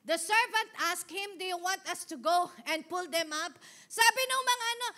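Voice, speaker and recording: High, bright-voiced woman preaching. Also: unhurried. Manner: animated, laughs often, swings between loud exhortation and soft asides. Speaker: pastor. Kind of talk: Taglish sermon with congregation prompts.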